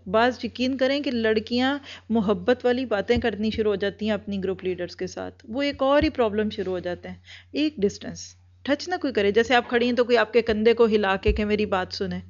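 A woman with a somewhat high voice trains group leaders in an earnest instructional talk. She repeats her points and backs each one with everyday examples. The recording sounds dull and lo-fi.

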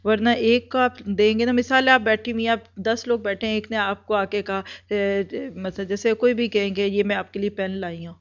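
A woman's voice: mid-range voice, level tone, few pauses. A woman in an earnest instructional talk, training group leaders and driving points home with repeated everyday examples. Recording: dull lo-fi recording.

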